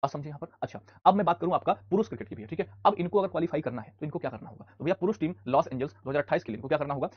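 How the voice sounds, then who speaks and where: A man teaching a live online class, drilling facts with quick rhetorical questions and repeating answers, sometimes scolding students. The recording sounds muffled. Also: a little high, animated, slightly rough, dry recording. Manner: scolds students loudly at times. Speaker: online exam-prep teacher.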